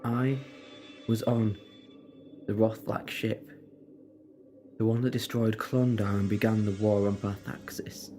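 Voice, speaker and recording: A man's voice: lowish voice, flat delivery, slow pace, long pauses, warm tone, slight background noise. The Doctor, a man as a dramatic, brooding time traveller. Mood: puzzled, brooding. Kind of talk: audio drama acting.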